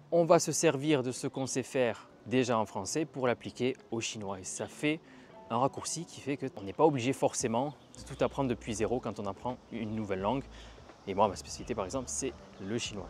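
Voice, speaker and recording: A man giving a casual language lesson while walking outdoors, lively and stressing words to demonstrate tones. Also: medium pitch, slight background noise. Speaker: language teacher.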